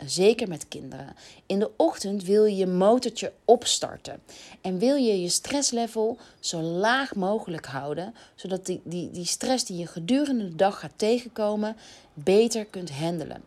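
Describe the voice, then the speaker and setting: A Dutch-accented woman in her thirties hosts a podcast, offering casual advice in a chatty style with lots of fillers and self-corrections. Her voice is medium in pitch with a darkish tone.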